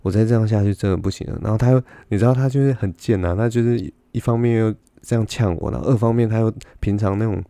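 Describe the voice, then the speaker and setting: A man's voice: fairly low pitch, fast, creaky, hardly any pauses, mellow, no room sound. A man, a podcast host and comic telling a rambling story, laughing often and restarting his sentences. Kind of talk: casual storytelling monologue.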